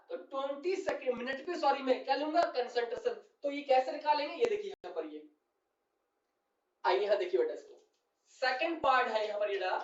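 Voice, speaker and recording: Guy teaching chem, really high voice, keeps asking if u got it, sounds far off and kinda dull. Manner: calls students "beta", keeps checking they follow. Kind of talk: chemistry lesson. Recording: echoey, distant, dull sound.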